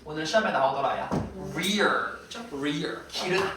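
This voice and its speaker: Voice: mid-range voice, animated, unhurried, heavy background noise. A teacher giving a playful, teasing vocabulary lesson in a classroom, quizzing the students as they go. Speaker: English teacher. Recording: very echoey room, voice far from mic.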